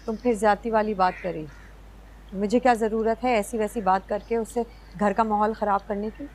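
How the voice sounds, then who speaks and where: A woman's voice: mid-range voice, steady tone, moderate pace, a little mellow, a little hiss or hum, lightly acted. An actress playing a proud young woman who speaks firmly and defiantly. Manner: firm, defiant. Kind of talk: TV serial acting. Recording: background music score.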